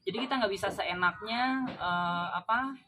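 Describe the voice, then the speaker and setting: A woman's voice: medium pitch, moderate pace, bright, forceful tone, slight background noise. A woman guest in a casual interview, chatting at length with many fillers. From mixed Javanese and Sabah Malaysian family.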